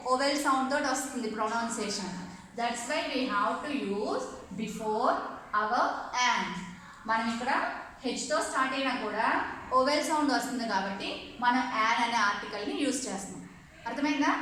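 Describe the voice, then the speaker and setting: A woman's voice: high voice, bright, forceful tone. A woman teaching an English lesson online, explaining step by step and often checking whether students follow. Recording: echoey room, faint ambient noise.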